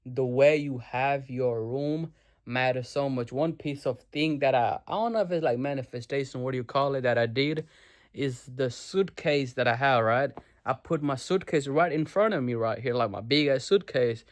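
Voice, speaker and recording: A young man from Nepal talks straight to the camera from his bedroom, loose and slangy, swearing freely as he drives home a motivational point. His voice sits at an ordinary middle pitch for a man, and he speaks in easy casual bursts. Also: normal speed. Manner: slangy, swears, calls viewers bro. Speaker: vlogger.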